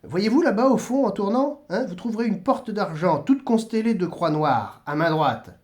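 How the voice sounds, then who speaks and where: A man's voice: sits high, expressive, normal speed, a little mellow, voice pushed up. A man reading aloud and voicing a jovial old male saint who keeps heaven's gate, hearty and welcoming.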